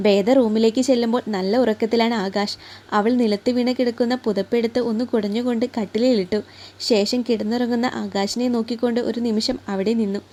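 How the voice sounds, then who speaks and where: A woman storyteller reading a romance story aloud in a soft, even manner. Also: a little high, fairly quick. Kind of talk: scripted narration of a romance story.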